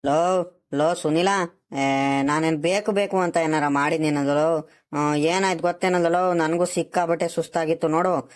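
A woman's voice: deep voice, steady tone, normal speed, natural voice. A woman voicing an apologetic young schoolboy in a cartoon, explaining himself in a rural Karnataka Kannada accent. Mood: pleading. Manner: explaining, pleading. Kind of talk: cartoon voice acting.

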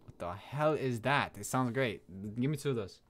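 A man's voice: mid-range voice, animated, normal speed, fairly bright tone. A young man streaming a roleplay game, casually ordering food at a drive-through, hesitant and playful. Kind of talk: casual gameplay chat.

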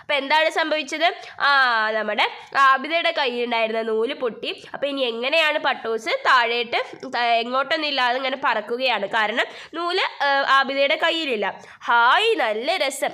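A woman's voice: high voice, moderate pace, sharp tone. A woman teacher reading out a school textbook story and explaining it, with lots of fillers.

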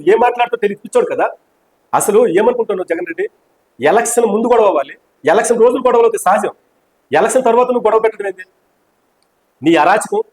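A man's voice: high voice, poor audio. A man in a heated political interview, speaking as an opposition party member in a fiery, mocking and combative way.

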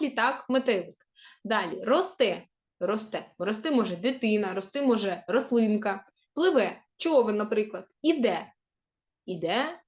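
A woman teacher giving a recorded video lesson for young pupils, reading words and poems aloud slowly with clear stress. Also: on the high side. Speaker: primary school teacher. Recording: dull, muffled audio.

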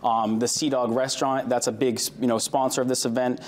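Brief: quick-talking man in his 30s, TV studio guest, upbeat and casual, lapel mic. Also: mid-range voice, level tone. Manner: quick, upbeat, informal with fillers. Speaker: recreation coordinator guest. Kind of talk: live TV studio interview. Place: TV news studio.

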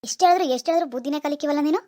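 Woman voicing a cartoon husband: middle-aged, grumpy, bossy, scolds nonstop, high and fast. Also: dark tone, no room sound, studio quality, lightly acted. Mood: exasperated. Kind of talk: cartoon dialogue.

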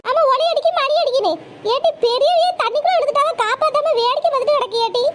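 A woman's voice: very high voice, fast talker, background noise. A woman voicing a bossy, bustling young village woman in a cartoon, hollering orders. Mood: urgent, bossy. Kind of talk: cartoon voice acting.

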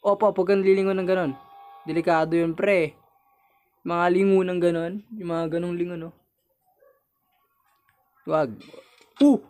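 A young man with a Filipino accent, his voice a touch high, talks casually to his viewers as he plays a horror game. He is jumpy, bursting into shouts and nervous laughter when something startles him, then going back to chatty commentary. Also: level tone, normal speed, pauses often. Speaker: gamer playing a horror game.

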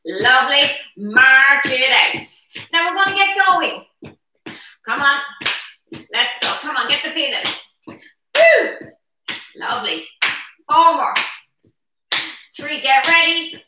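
A woman's voice: sits high, lively intonation, takes it slowly, long pauses, background noise. A middle-aged woman leading an exercise class, energetically counting reps and calling short encouraging cues. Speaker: aerobics instructor leading chair exercises. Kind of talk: live fitness class coaching. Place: brick-walled living room at home. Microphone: camera a few metres away. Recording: roomy echo, distant camera microphone.

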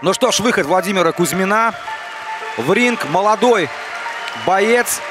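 High-voiced male fight commentator over crowd. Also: animated, a little slow. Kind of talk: live sports commentary. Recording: arena music and crowd behind voice. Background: music and crowd.

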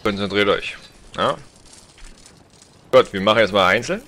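A man's voice: fairly low pitch, moderate pace, pushed and bright. A man leading a regiment in an online game, barking military drill commands and scolding his players. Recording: game music and gunfire behind. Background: game music, gunshots.

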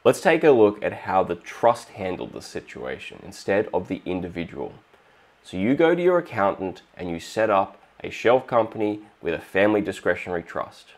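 A man's voice: sits low, moderate pace. A man with an Australian accent hosting a finance video, explaining step by step and acting out short exchanges with the bank. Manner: steady explanatory, acts out little dialogues. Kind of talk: explainer monologue.

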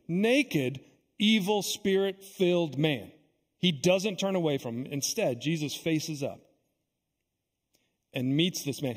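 A man preaching in a church sanctuary, his fairly high, slightly husky voice carrying a long echo. He speaks earnestly, slowing down on key words and repeating phrases for weight. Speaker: pastor. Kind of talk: sermon.

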